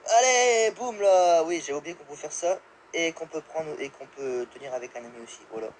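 A young man giving live gameplay commentary, excitable, yelping and laughing, swearing and dropping English exclamations. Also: medium pitch, a little fast, husky, rough recording. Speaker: gamer.

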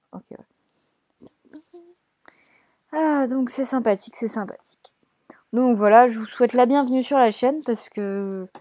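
A woman's voice: mid-range voice, mellow, no room sound, studio quality. A young woman hosting a let's play, chatting casually and teasing the characters she plays, with frequent hesitations. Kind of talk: casual gameplay commentary.

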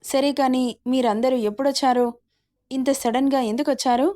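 A man's voice: extremely high pitch, fairly even intonation, moderate pace, warm tone, no echo. A woman voicing a bossy, domineering man in his late twenties, the romantic hero of a spoken storybook. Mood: stern. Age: 20s. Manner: domineering, commanding.

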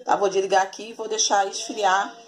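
A woman's voice: medium pitch, flat delivery, fairly quick. A Brazilian woman in her forties, chatting through a cooking vlog at home and often calling her viewers family. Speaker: vlogger. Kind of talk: casual cooking vlog narration. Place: home kitchen, then outdoors in a yard. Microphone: phone camera held at arm's length.

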